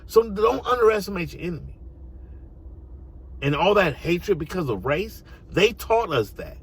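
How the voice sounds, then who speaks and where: The poor-quality audio captures a US online commentator ranting informally in casual street slang, emphatic and repeating phrases for effect. His voice is on the high side, fairly bright, and a little rough.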